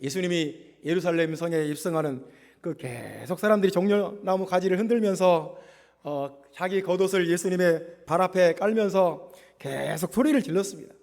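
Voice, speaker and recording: Guy preaching hard in a church, high lively voice, big hall reverb. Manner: impassioned preaching, rising to loud proclamations. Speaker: pastor. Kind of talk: Pentecostal sermon. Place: church sanctuary.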